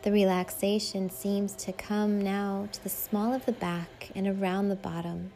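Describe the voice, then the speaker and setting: A woman's voice: medium pitch, fairly even intonation, unhurried, mellow. A woman leading a guided meditation in a soothing, hypnotic way, with lulling, repetitive phrasing. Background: faint music.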